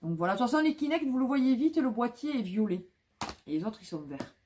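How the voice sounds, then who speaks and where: A woman's voice: fairly high pitch, very animated, fairly quick, a little mellow, slight background noise. A woman vlogging casually about flea market finds, talking with many fillers and restarts.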